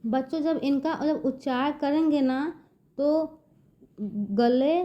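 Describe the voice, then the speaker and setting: A woman's voice: high voice, steady tone, takes it slowly. A woman teacher patiently explaining to children, repeating herself and guiding them step by step. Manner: patient, repeats "देखिए बच्चों" often. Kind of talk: slow classroom explanation to children. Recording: dull lo-fi recording.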